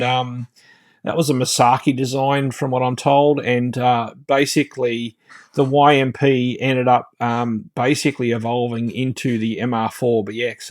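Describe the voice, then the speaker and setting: Man, medium pitch, rambling casual commentary, lots of ums, dry room. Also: no room sound. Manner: chatty, rambling, many fillers and self-corrections. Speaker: hobby channel host.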